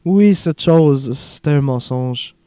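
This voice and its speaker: A man reads an audiobook as a young refugee man, haunted and earnest, softly confiding his story in a lightly acted way. His smooth, resonant, medium-pitched voice is slow, with a dark, mellow tone, recorded close and dry.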